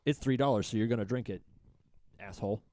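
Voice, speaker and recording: A man's voice: lowish voice, fast, dark tone, no room sound. A man co-hosting a casual podcast among friends, joking and teasing crudely. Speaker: podcast co-host.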